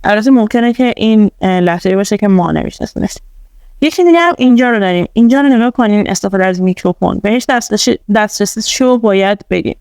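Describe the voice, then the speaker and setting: A woman's voice: medium pitch, a little mellow, smooth, no room sound. A woman presenting a casual tutorial. She explains things step by step, with many fillers. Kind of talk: casual screen-recorded tutorial.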